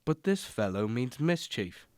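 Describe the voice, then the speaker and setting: A man playing Dr. Watson, a loyal gentleman companion, speaking in a measured, formal way in a radio drama. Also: mid-range voice, very animated, a little hiss or hum. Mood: concerned. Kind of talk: radio drama narration and dialogue.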